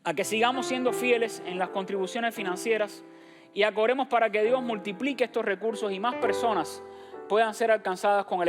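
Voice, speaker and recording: A man from Cuba, a pastor giving church announcements and direct, encouraging appeals to his congregation. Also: sits high. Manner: direct and encouraging, addresses the congregation as brothers and sisters. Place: church sanctuary.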